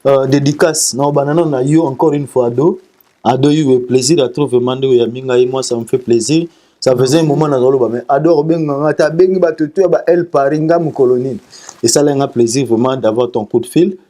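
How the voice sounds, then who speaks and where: A mellow, medium-pitched man speaks as an interviewed singer, keeping things casual and offering greetings. He often trips over repeated syllables and begins his sentences again.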